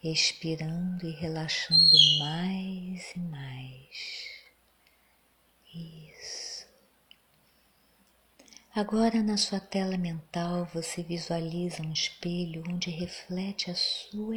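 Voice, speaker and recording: Female meditation guide, Brazilian accent, lowish pitch, very slow soothing delivery, soft and breathy, close to a whisper.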